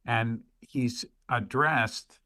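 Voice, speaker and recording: A man appearing as a podcast guest, speaking in a measured, thoughtful way. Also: medium pitch, bright, forceful tone, no room sound. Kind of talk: casual podcast discussion.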